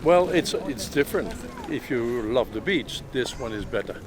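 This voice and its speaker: A man, talking outdoors and giving thoughtful, halting explanations filled with little pauses and fillers. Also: mid-range voice, expressive, crowd noise. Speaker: family member on the trip. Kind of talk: casual explanation on camera.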